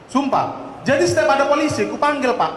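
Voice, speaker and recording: A man's voice: very high-pitched, big pitch swings, a little fast. A man from North Sumatra doing a chatty stand-up comedy set and calling the audience friends. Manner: chatty, calls the audience "teman-teman", swears "sumpah". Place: large hall. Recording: echoey hall, faint noise.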